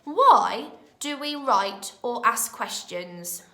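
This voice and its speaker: A British primary school teacher records a remote lesson for young children, speaking slowly, clearly, and expressively as she addresses them. Her voice is fairly high, and the room sounds echoey.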